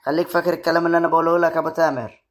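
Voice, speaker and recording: Brisk Egyptian man in a comic drama. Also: on the high side, little pitch movement. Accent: Egyptian Arabic. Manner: brisk, doubtful, needling. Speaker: lead character and creator of the web series.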